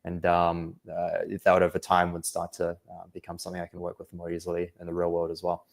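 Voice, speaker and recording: A man's voice: low voice, monotone, fast, gravelly. A young man from New Zealand, an anxiety coach talking reflectively in a casual podcast interview, with many fillers.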